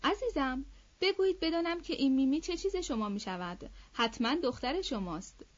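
A woman's voice: on the high side, lively intonation, husky. A woman reading the lines of a stiff, polite lady guest who talks down sweetly as if to a small child, in an audiobook. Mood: condescending. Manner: condescending baby-talk. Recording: slightly dull lo-fi audio.

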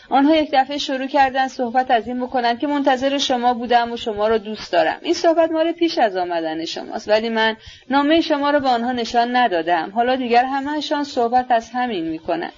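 A headstrong, proud young woman pours out her words with defiant emphasis, as a female reader puts her on. Her voice sits fairly high, and the lo-fi recording leaves it somewhat dull. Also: a little mellow, lightly acted.

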